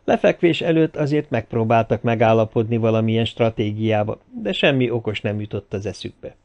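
A man narrating a novel as an audiobook in a steady storytelling delivery. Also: lowish voice, dull audio.

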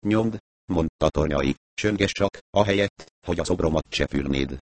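A man's voice: sits low, dry recording, close to an everyday voice. A man voicing a short-tempered male sculptor who talks in a curt, grumbling way. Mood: gruff.

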